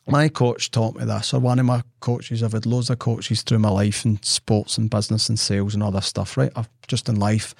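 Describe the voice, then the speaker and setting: Gravelly man in his forties. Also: fairly low pitch, level tone, moderate pace, few pauses, darkish tone, dry recording, clean studio sound. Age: 40s. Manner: storytelling, acts out quoted dialogue. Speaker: podcast co-host. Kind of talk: casual podcast chat.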